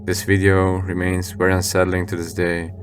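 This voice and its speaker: Low, even-toned man narrating eerie clips. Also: moderate pace, music in the background. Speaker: narrator of a scary video compilation. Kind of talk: scripted narration.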